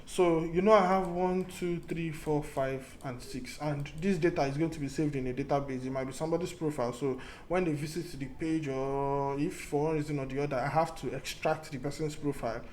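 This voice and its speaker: Here a man with a somewhat high but darkish-toned voice walks through a coding lesson, with a little hiss or hum in the background. In this informal screen-recorded tutorial he thinks aloud, restarts often, and keeps restating what matters most.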